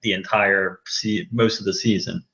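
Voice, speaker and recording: A man's voice: sits low, fairly even intonation, normal speed, creaky, muffled recording, a loud crowd. A man hosting a casual fantasy football show, teasing his guests with stammered restarts. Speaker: show host.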